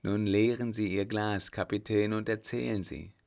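A man's voice: fairly low pitch, fairly even intonation, moderate pace, gravelly, a little mellow. A man voicing a scheming, sly baron who coaxes his accomplice with lurking eagerness. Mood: sly coaxing. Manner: sly, coaxing.

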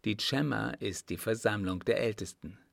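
A dutiful tribesman speaks serious and steady, never raising his voice in defiance, as a male reader plays him. The tone is lowish and recorded close and dry. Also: moderate pace, creaky, dry recording. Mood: firm, earnest. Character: earnest, dutiful young tribesman, defiant but calm.

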